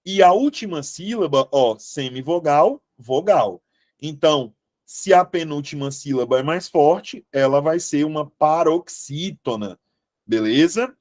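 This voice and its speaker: Recorded in a clean, dry studio setting, this slightly high-pitched young man moves at a measured pace through Portuguese grammar for an exam. His style is energetic and encouraging, with frequent checks on whether the class is following.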